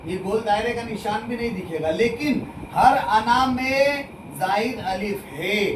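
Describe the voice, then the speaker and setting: A male religious teacher leading a call-and-response lesson, speaking slowly and repeating phrases for students to echo back. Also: very high-pitched, background noise. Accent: Hindi-Urdu speaker from central India.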